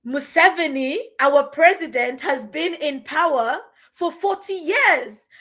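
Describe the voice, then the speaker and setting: Passionate high-voiced woman in her forties. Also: lively intonation, takes it slowly, a bit bright. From Uganda. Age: 40s. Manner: passionate, indignant, emphatic. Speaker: podcast guest speaker. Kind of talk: impassioned podcast rant.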